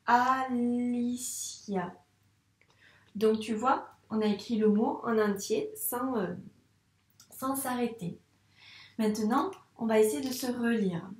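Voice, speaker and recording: A woman teaching young children handwriting, speaking patiently and slowly spelling words out syllable by syllable. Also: a little high, darkish tone, roomy sound, distant mic. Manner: slow, patient, syllable-by-syllable dictation. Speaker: primary school teacher.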